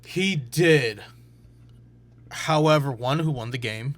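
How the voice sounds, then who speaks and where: A young man with a medium-pitched voice and slow pace co-hosts a sports podcast, arguing his picks in assertive bursts during a casual sports debate.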